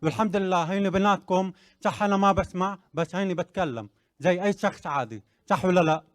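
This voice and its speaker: A man's voice: high-pitched, fast talker, no room sound, clean studio sound. A young man tells his own story with earnest conviction, building to emphatic motivational declarations. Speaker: interviewee sharing his story. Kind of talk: personal testimony and motivational speech.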